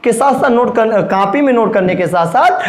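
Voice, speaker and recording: A man's voice: very high-pitched, expressive, moderate pace. A male English grammar teacher with a Hindi accent lecturing a class, asking questions and answering them himself. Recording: echoey room.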